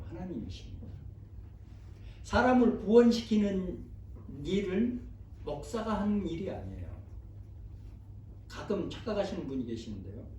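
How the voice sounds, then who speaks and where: A man's voice: high-pitched, mellow. A man pastor preaching a sermon, firm and emphatic, putting rhetorical questions to the congregation. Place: church sanctuary. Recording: very echoey hall, voice far from the mic.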